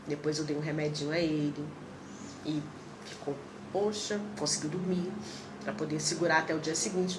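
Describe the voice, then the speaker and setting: A woman's voice: deep voice, noisy background. A woman in her thirties with a Brazilian Portuguese accent, telling stories casually on a livestream as a reiki practitioner and acting out the people she quotes. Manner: animated storyteller who acts out quoted people.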